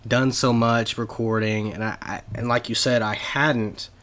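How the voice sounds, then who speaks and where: A man's voice: medium pitch, level tone, measured pace, a bit bright. A man co-hosting a podcast, chatting casually and rambling through long explanations with lots of fillers. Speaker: podcast co-host. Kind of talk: casual chat.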